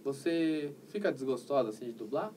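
A Brazilian-accented interviewer with a mellow, dark tone who keeps the chat easygoing and agreeable, often ending sentences with a quick tag question. The mic is set back, with faint background noise. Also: mid-range voice, lively intonation, far from the mic.

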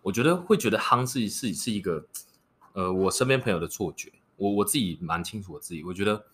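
Male podcast guest, twenties, lowish pitch, crisp forward tone, casual and joking. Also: expressive, quick pace, a bit bright. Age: 20s. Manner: joking, cheeky. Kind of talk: casual relationship talk.

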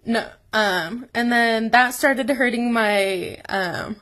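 A woman's voice: fairly high pitch, slow, a bit bright. A young woman co-hosting a casual podcast chat, laughing often, swearing casually and trailing off with fillers. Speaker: podcast co-host.

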